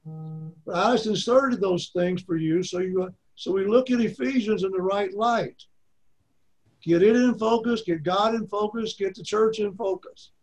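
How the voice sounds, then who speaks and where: High-voiced older man with an Arkansas accent. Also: measured pace, a little mellow. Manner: folksy, repeats points for emphasis. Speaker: Bible teacher. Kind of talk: teaching an online Bible class.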